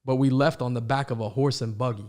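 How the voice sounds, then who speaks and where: Male podcast host, born in Morocco, raised in the States. Relaxed, friendly, chatty. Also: medium pitch. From born in Morocco, raised in the United States. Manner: relaxed, friendly, quick affirmations and "bro". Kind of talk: casual podcast conversation.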